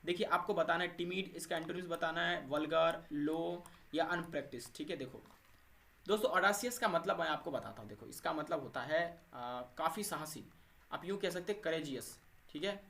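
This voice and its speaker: The voice is a man's: high-leaning, gravelly, pushed and bright, at a moderate pace. He's teaching English vocabulary for exams, asking himself questions and answering them, and says "thik hai" and "doston" after every point to check in with viewers.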